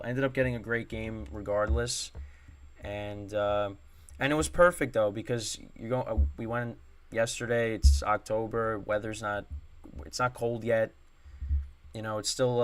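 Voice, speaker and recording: A young man hosts a sports podcast by himself, his lowish, clean-toned voice strained from screaming at a game. He rambles, leaning on lots of fillers and restarting his sentences.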